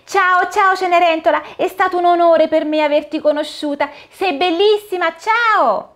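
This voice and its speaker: A woman's voice: very high-pitched, moderate pace, fairly bright tone, pitched above the performer's own voice. A woman voicing an eager, starstruck little girl who gushes with admiration. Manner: gushing, breathless admiration.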